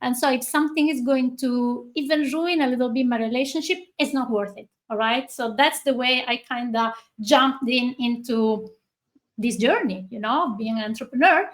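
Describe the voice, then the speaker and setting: A woman hosting a podcast interview over a video call, talking in a chatty, halting way. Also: fairly high pitch. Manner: chatty, slow and halting, with laughs. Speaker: podcast host.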